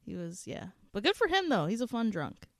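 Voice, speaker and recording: A woman chats on a podcast in a slow, unhurried way. Her voice leaps all over its range, higher than most women's, and she giggles through crude jokes. She, and the sound is dry and close. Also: sing-song, no room sound. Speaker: podcast co-host. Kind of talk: casual chat.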